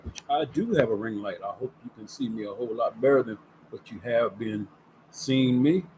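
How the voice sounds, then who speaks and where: A man in his fifties talks sports casually on his vlog at a normal speed and medium pitch, folksy and chatty with emphatic words. His camera-and-ring-light setup picks up background noise.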